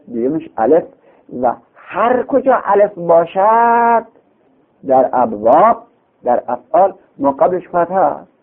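A man's voice: mid-range voice, vocal fry, slightly rough. A male teacher explaining a classical text line by line, patiently repeating and chanting example words several times. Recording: tinny phone-like recording.

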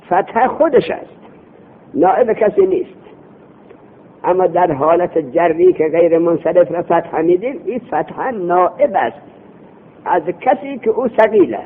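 A man teaches grammar in a seminary lesson, quizzing his student and answering his own questions, then slowing to recite lines. His voice sits high and moves through a wide, animated range. The recording is thin and phone-like. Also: a little hiss or hum. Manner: slows to recite Arabic phrases.

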